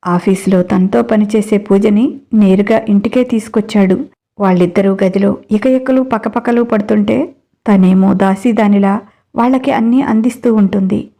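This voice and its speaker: A woman narrating a dramatic family story in a steady storytelling way. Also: medium pitch.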